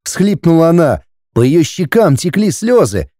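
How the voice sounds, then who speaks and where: A man narrating a first-person audiobook in a dramatic, expressive reading. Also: fairly high pitch, measured pace, no room sound, clean studio sound.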